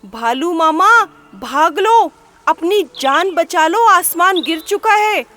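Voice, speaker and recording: A woman voicing a panicky, timid little rabbit in a children's storybook, frantic and shouting warnings. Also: high-pitched, lively intonation, slow pace, a little hiss or hum. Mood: panicked.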